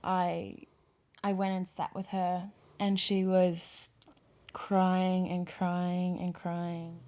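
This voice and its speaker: A woman's voice: on the low side, level tone, drawn-out words. A young woman casually recounting a personal story to her partner, hesitant, with lots of fillers and restarts. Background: soft background music.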